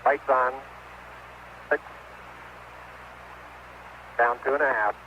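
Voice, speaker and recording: A man's voice: medium pitch, takes it slowly. A man in a lunar lander giving clipped, matter-of-fact radio callouts over a space radio link with beeps and static. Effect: space radio transmission with beeps and static. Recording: noisy, dull radio transmission from space.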